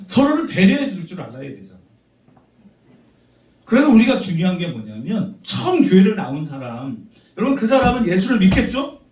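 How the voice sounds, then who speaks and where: A middle-aged man preaching a sermon as pastor, conversational and animated, teasing his congregation. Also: high voice, fairly quick. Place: church sanctuary. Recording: roomy church sound from a distant mic.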